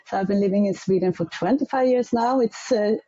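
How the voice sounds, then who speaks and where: Middle-aged woman with an Icelandic accent, slow and hesitant, warm low tone, muffled recording. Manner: hesitant, searching for English words. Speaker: guest. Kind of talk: interview storytelling.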